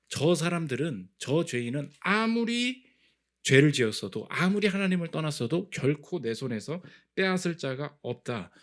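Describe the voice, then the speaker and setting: A man preaching a Sunday sermon as pastor, animated, acting out quoted voices and building to emphatic peaks. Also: mid-range voice. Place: church sanctuary.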